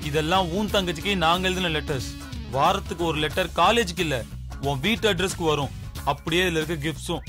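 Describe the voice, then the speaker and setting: An actor playing a relaxed young man, a loyal friend who teases dryly. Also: on the high side, quick pace, close to an everyday voice. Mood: threatening. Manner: relaxed, shrugging, dry teasing. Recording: film soundtrack with loud music.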